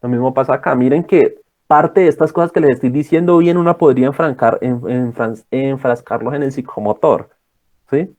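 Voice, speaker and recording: A man's voice: mid-range voice, moderate pace, a little mellow, muffled recording. A young man tutoring students in a casual lecture, rambling and checking in with his listeners.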